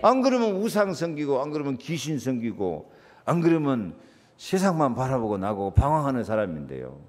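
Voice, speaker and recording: A man's voice: big pitch swings, moderate pace, big-room sound. A male pastor preaching a sermon, repeating key words for emphasis and calling on the congregation to answer and greet each other. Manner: preaching with big swings in pitch and loudness, repeating key words; asks the congregation to answer and greet one another. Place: church sanctuary.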